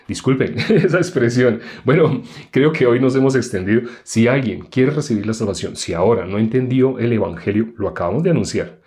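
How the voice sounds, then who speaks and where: Mellow-voiced man preaching a sermon. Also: medium pitch, a little fast. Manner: conversational and explanatory, with rhetorical questions.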